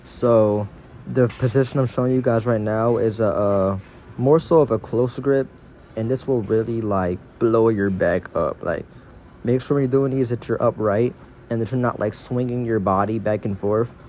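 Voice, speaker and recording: A man's voice: fairly low pitch, normal speed, a little mellow, slight background noise. A man giving a casual, slangy exercise tutorial as a fitness instructor, his speech slightly impeded by dental braces.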